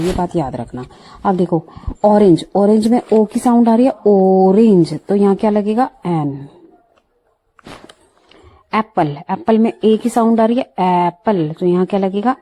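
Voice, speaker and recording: A woman's voice: mid-range voice, dark tone, rough recording. A woman teaching English vocabulary and grammar in Hindi, patiently repeating words and asking questions.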